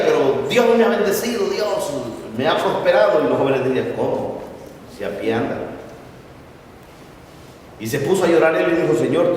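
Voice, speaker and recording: A man's voice: on the high side, a little mellow, slight background noise. A middle-aged man preaching a sermon, telling stories and stressing key words. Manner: storytelling preacher, acts out quoted voices, stresses words. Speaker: pastor. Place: large church hall. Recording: echoey hall from far off.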